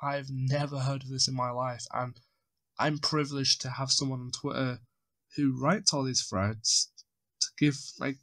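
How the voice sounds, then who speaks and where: A male podcast co-host talks casually in a gravelly, fry-heavy voice. He comes across as eager and a little self-deprecating. His voice is recorded dry, with no room sound. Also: mid-range voice, fairly even intonation, a little slow, a bit bright, no echo.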